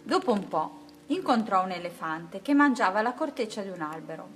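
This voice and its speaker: A woman reading a children's picture book aloud in a gentle, rhythmic way. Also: mid-range voice, very animated, normal speed, soft background music. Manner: gentle, rhythmic, rhyming delivery. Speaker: storyteller.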